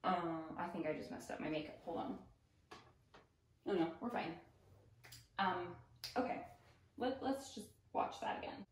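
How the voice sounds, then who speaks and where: A woman yoga instructor giving casual, explanatory commentary with gentle cautions. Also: on the low side, lively intonation, unhurried, long pauses, echoey room, poor audio. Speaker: yoga instructor reacting to videos.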